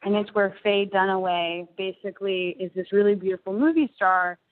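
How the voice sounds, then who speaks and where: On the other end of a prison phone call, a woman with a medium-pitched voice talks at a normal pace. She explains things eagerly and casually, dropping "like" again and again.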